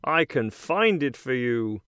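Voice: mid-range voice, very animated, slow, a bit bright, clean tone, no room sound, clean studio sound. A storyteller voicing a small, ugly frog who pleads earnestly. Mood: pleading.

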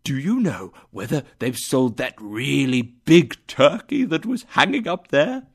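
A man voicing an old male miser who cries out in an excitable, exclamatory way. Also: medium pitch, unhurried, breathy edge, heavily acted. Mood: giddy.

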